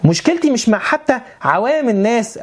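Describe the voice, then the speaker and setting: A man's voice: extremely high pitch, sing-song, brisk. A man with an Egyptian Arabic accent, preaching in an informal monologue and firing off repeated rhetorical questions with a sarcastic edge.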